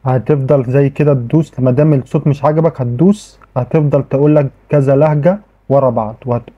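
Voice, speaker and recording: Fast-talking Egyptian man, tinny audio. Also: mid-range voice, slightly rough. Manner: chatty, repeats "okay" often, frequent restarts. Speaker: tech tutorial host. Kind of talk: casual screen-recorded tutorial.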